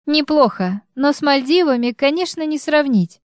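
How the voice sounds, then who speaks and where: A woman reading an audiobook, voicing a flustered wife who rushes through her lies in a nervous, overly bright way. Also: high-pitched, expressive, dry recording, studio quality, pitched above the performer's own voice.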